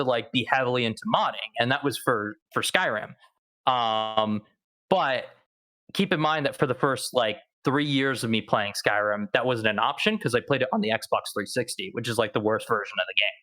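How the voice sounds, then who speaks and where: Young male podcast guest, bright voice, rambling casual chat. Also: medium pitch, animated, normal speed, poor audio. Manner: chatty, rambling, with fillers and laughs.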